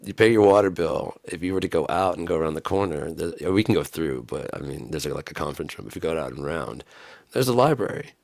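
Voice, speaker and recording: This vlogger has a gravelly, darkish bass voice made raggedy by smoking and screaming. Fast and lively in intonation, he rambles through a profane story in a casual monologue, laughing often, and the audio has no echo.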